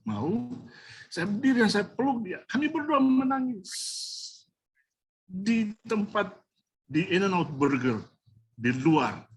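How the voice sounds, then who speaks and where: A man's voice: sits high, lively intonation, slow pace, pauses often, husky, lo-fi sound. Emotional man preaching a testimony. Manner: emotional storytelling, addresses the congregation directly; slips English words and phrases into his speech. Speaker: pastor. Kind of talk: sermon with personal testimony.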